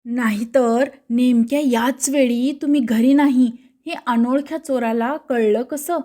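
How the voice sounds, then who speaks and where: A woman's voice: on the high side, fairly even intonation, unhurried, mellow, lightly acted. A woman reading the part of a chatty male neighbor who teases the others. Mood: teasing. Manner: teasing.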